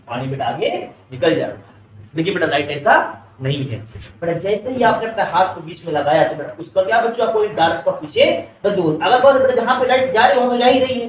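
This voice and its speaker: A man's voice: fairly high pitch, a little hiss or hum. A male physics teacher with an Indian English accent lecturing a class, constantly firing questions at the students. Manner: keeps quizzing students, calls them beta. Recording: echoey classroom, mic far off.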